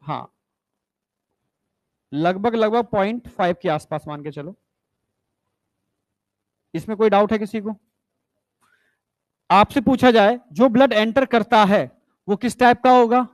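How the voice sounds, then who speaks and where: High-voiced man teaching a biology class. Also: measured pace, long pauses, dry recording. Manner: coaxing, keeps asking if students understood; mixes English science terms into Hindi. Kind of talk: classroom lecture.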